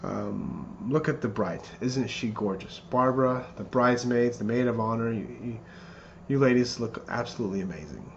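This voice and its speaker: Male, 30s, mid-pitched, earnest best man rehearsing a wedding toast; dull lo-fi sound with background noise. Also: moderate pace. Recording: muffled lo-fi, clear background noise.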